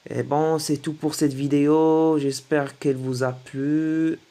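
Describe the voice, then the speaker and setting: A man teaching English greetings to French speakers, slowly repeating each phrase several times. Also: fairly high pitch, level tone, dark tone. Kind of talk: French-language English lesson.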